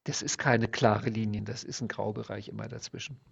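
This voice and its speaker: A man's voice: on the low side, fairly even intonation, brisk, gravelly, husky. A man who works as an NLP trainer, explaining his ideas step by step in an interview. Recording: dull lo-fi sound.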